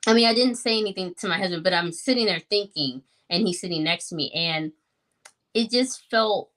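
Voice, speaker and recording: A woman's voice: on the low side, fairly quick, fairly bright tone. Earnest woman telling a personal story. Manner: reflective, earnest, many fillers like "like" and "you know". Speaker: guest sharing her story. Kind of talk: personal testimony in podcast conversation.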